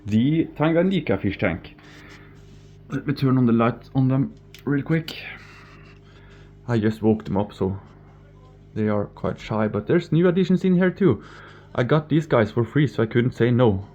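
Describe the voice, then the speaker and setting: A Norwegian man who speaks English as a second language gives a casual tour of his apartment for his aquarium hobby vlog, tripping over words and laughing at himself. His mid-range voice is animated and warm, with a measured pace and frequent pauses. The indoor home recording sounds slightly dull, with faint background noise.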